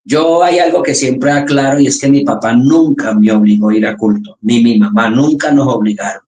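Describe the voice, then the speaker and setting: This testimony interview features a young Colombian church chaplain, accented and earnest, who keeps restarting his sentences. He talks at normal speed in a medium-pitched, darkish voice, with a roomy echo around him.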